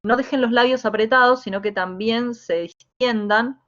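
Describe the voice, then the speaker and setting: A woman with a Rioplatense Spanish accent, teaching a voice workshop as a coach, talking in a lively, demonstrative way with many fillers and restarts. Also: a little high, normal speed, muffled recording. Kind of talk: online workshop lesson. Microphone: video call.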